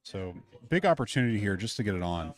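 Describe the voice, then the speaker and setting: A man's voice: lowish voice, sing-song, fast talker. A man giving golf colour commentary as a co-commentator, in short, analytical remarks.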